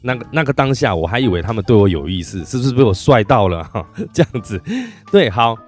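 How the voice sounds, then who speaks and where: A man tells a story in a lively, casual podcast monologue. He acts out the quotes and restarts his sentences often, in a fairly low voice. Soft music plays faintly underneath. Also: brisk. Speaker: podcast host and working musician.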